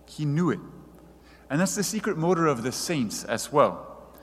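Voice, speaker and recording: A man preaching a sermon in an earnest, measured way, reading quoted passages aloud. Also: a little high, sing-song, in a large hall.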